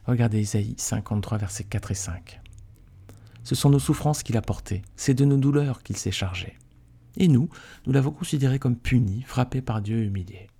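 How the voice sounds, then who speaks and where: A man's voice: medium pitch, moderate pace, vocal fry, slightly rough. A man leading a conversational Bible study, reading scripture aloud and explaining it informally to listeners he calls friends. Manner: reads scripture aloud, then explains it informally with frequent tag questions; addresses listeners warmly as friends. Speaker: Bible teacher.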